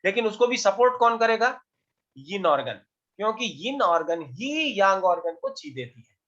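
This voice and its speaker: A fairly high-voiced man leads an online class, firing quick questions at his students as he explains. The sound is dull and lo-fi, like audio from a video call. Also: very animated, fairly bright tone. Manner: quizzing students with quick questions, mixing Hindi and English. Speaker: acupuncture teacher.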